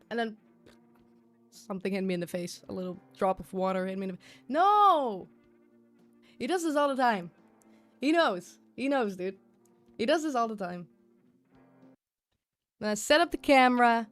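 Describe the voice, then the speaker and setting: A woman chatting casually on a livestream, rambling and repeating herself in an informal, sweary way. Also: medium pitch. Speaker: live streamer. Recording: music playing behind the voice. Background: music.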